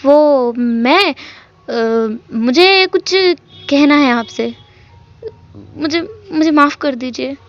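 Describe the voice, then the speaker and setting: A woman voicing a nervous, ashamed young man who speaks haltingly, in a dull lo-fi recording. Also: high-pitched, full character voice. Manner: halting, stuttering. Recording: dull lo-fi audio.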